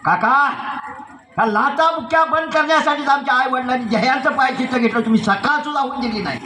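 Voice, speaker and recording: Man playing a young grieving brother, earnest, bright tone. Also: sits high, sing-song, unhurried, slight background noise, voice pushed up, full character voice. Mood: anguished. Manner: earnest, pained appeal.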